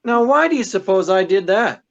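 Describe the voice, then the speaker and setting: An actor plays a wisecracking, unflappable male amateur detective in the style of 1940s radio, his mid-range, gravelly voice moving with lively intonation at a normal speed over lo-fi sound. His delivery is droll, teasing and hesitant, sardonic and broken by chuckling pauses, with a wry, amused mood.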